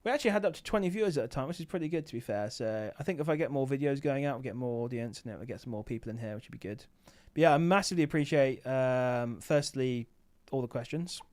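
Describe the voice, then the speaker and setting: This is a man with a mid-range, darkish-toned voice who talks fast and barely pauses. As a livestream host and Amazon seller on a late-night stream, he chats in a relaxed way, thinks out loud with plenty of fillers, and comes across as tired and sleepy.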